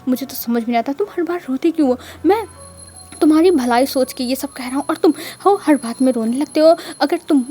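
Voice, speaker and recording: A woman's voice: high-pitched, brisk, warm tone, faint music behind, close to an everyday voice. A woman voicing a strict, scolding but caring husband in a storybook reading, lecturing firmly.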